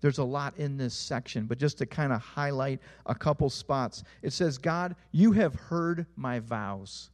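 Earnestly delivering a sermon, this young adult pastor asks his audience questions and lets his phrases sink low at their close. He is unhurried, with a darkish tone and hardly any pauses.

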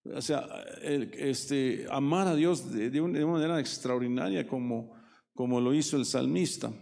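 A man with a gravelly, creaky voice preaches a Bible study sermon. He reads verses aloud and explains them, often checking in with his listeners and correcting himself as he goes. His voice rings out with a long reverb, as if in a large hall. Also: mid-range voice, normal speed, darkish tone. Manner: frequent tag questions and self-corrections, leans into quoted verses.

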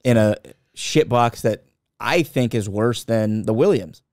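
Lower-voiced dude cohosting, blunt, curses a lot, dry close mic. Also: male voice, a little slow, no room sound. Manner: blunt, swears freely, animated retelling. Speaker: podcast co-host. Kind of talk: casual chat.

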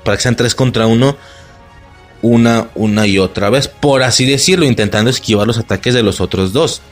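Excitable, swearing Mexican man. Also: medium pitch, brisk, soft background music. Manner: excitable, swears a lot, laughs often. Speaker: movie reaction vlogger. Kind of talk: excited casual film recap.

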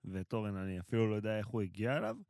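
A man chats as a podcast guest. His voice is on the low side and recorded dry, without room sound. He is informal and joking, dropping English phrases into his talk. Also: steady tone, a little mellow, no room sound. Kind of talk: casual podcast chat.

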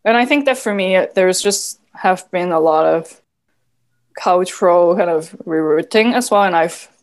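This podcast guest, a woman with Cantonese as her first language, speaks in a lowish voice at a measured pace. The conversation is reflective and thoughtful, her manner soft-spoken, full of "like" fillers and quiet laughs.

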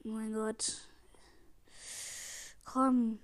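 Excitable high-voiced teen girl gamer. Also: drawn-out words. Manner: excitable, pleading and narrating every move. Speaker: gamer streaming her match. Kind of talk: live gameplay commentary. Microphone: headset.

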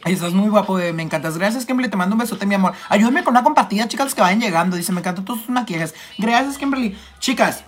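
A man with a Mexican accent chatting casually on a makeup livestream, clearing his throat as a cold starts, affectionate and full of slang with his viewers. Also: high voice, animated, very fast, hardly any pauses, a little hiss or hum. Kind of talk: casual live-stream chat reading comments.

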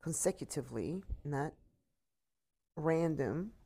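A woman's voice: low-pitched, lively intonation, takes it slowly, creaky, mellow, slightly rough. A tired woman giving an earnest, repetitive motivational talk into her computer mic.

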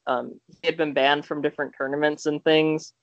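A man's voice: fairly high pitch, flat delivery, moderate pace, highs cut off. A young man co-hosting a podcast, telling a story in casual chat, rambling with lots of fillers and restarts. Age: young adult. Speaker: podcast co-host.

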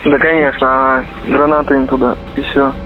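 Flat, laconic young man on a phone line. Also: medium pitch, moderate pace, soft background music. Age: young adult. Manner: laconic, matter-of-fact. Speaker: soldier calling his mother. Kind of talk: casual private phone conversation. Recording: muffled, narrow intercepted phone line.

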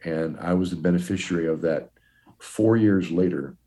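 Older guy, a priest, low mellow voice, folksy storyteller, chuckles a lot. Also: moderate pace. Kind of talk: telling his life story in an interview.

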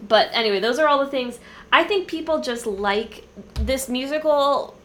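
A woman's voice: high-pitched, normal speed, a bit bright, a little hiss or hum. A woman in casual chat, reading a list aloud and jumping into playful voices when she quotes lines.

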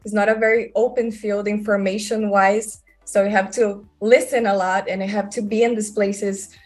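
Brazilian woman filmmaker, mid-pitched, over music. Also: darkish tone. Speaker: guest filmmaker. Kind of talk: conversational interview answers.

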